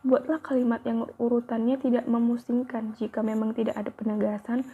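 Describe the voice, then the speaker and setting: Husky and fairly high-pitched, this university student's voice stays mostly flat as she reads a grammar lesson at a fairly quick clip. Her careful, even reading has a few small slips, captured in thin, phone-like sound.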